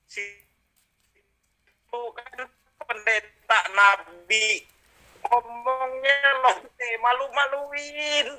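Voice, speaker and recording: A man's voice: very high voice, steady tone, drawn-out words, pauses often, sharp tone, low-quality recording. A man calling into a heated video-call debate, talking in a scolding, reproachful way. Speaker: debate caller.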